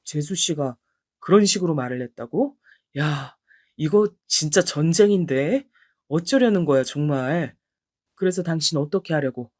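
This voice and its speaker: A woman's voice: low-pitched, lively intonation, moderate pace, a little mellow, no room sound, studio quality, voice pushed down. A woman doing a worried, grave husband. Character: concerned husband, adult man.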